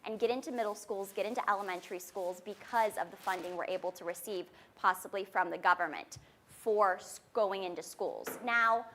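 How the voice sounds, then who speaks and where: A young woman giving a confident startup pitch as a founder, explaining things earnestly in a presentation style. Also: brisk, fairly bright tone, slight background noise.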